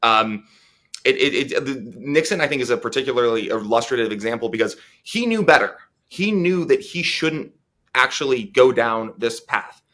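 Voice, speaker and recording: A man's voice: medium pitch, lively intonation, moderate pace, a bit bright. A man as a policy analyst guest in a political interview, talking earnestly with many fillers and restarts.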